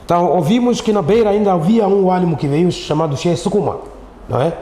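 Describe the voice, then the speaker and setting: A middle-aged Mozambican-accented man, an Islamic teacher appearing as an interview guest, speaks in a high, mellow voice at a quick pace. He recounts things conversationally, repeating himself and often closing on tag questions. The echoey studio gives a roomy echo with faint background noise.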